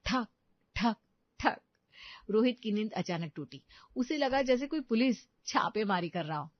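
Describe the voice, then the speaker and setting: A woman tells a storybook tale in a lively, expressive way. Her voice sits a little high, and the recording is dry and somewhat dull. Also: a little slow, no room sound. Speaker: narrator. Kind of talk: storybook narration.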